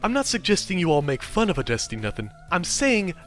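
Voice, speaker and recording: Man, mock dramatic reading, sarcastic commentary, theatrical delivery, lively wide-ranging pitch, slightly high voice. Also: a little fast, faint music behind. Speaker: commentary video narrator.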